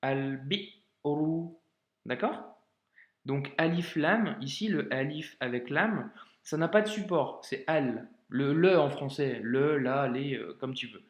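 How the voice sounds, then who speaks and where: A man teaching Arabic reading in an informal video lesson, speaking directly and encouragingly to the learner and slowly sounding out each word. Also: medium pitch, roomy sound. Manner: slows down to sound out words carefully.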